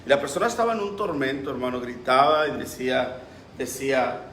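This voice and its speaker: A man's voice: mid-range voice, animated, fairly quick, fairly bright tone, slight background noise. A pastor preaching a sermon with passion, acting out the voices he quotes. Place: church. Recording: roomy echo.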